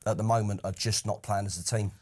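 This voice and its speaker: A man's voice: on the low side, fairly even intonation, quick pace. A man, a former player talking football earnestly and repeating himself in a casual chat.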